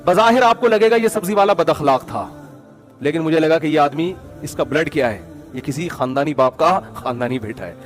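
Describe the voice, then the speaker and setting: A man's voice: a little high, lively intonation, faint music behind. Chatty man telling moral stories. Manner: conversational, keeps addressing listeners as brother. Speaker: speaker giving moral advice. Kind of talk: storytelling advice talk.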